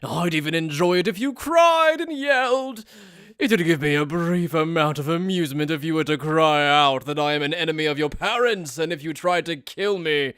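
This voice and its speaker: A man's voice: a little high, fairly bright tone, clean tone, no room sound, clean studio sound, natural voice. A man playing a smug, sadistic aristocratic death god, with mocking, overacted anime-dub theatrics. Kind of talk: anime fan-dub character acting.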